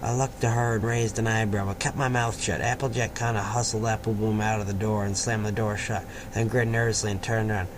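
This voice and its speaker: A man reads a fan fiction story in a loose, amateur way as its host, with offhand asides and the odd stumble where he repeats a word. He talks briskly with few pauses, in a fairly low, flat voice. The sound comes from a noisy home setup.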